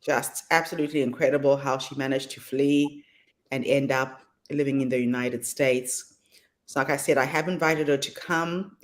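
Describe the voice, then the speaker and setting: A woman hosting an online summit, speaking in a brisk, practical and earnest way. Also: rumbling low. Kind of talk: casual chat on a video call.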